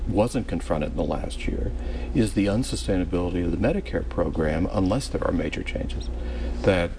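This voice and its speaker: A man with a fairly low voice talks through policy as a panel guest. He speaks haltingly, doubling back on words, with some noise behind him. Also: expressive. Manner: halting, repeats words while explaining. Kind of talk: political discussion. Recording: clear background noise.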